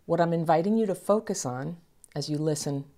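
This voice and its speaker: A woman who works as a trauma healing coach, speaking straight to her viewers in an earnest, encouraging self-help talk, with a soft laugh now and then. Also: low voice, fairly quick.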